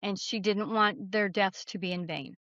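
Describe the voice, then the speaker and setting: In a dry, muffled recording, a woman speaks at normal speed in a mid-range, slightly bright voice. She is a guest author being interviewed, sharing stories and conversational answers with an earnest, explanatory warmth.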